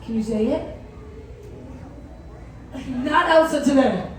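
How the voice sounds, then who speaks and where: On a cruise ship, a cruise director with a very high voice hosts story time in an indoor theatre, speaking slowly and animatedly. She engages the children in the audience with questions and prompts. The distant mic picks up heavy theatre echo and faint noise.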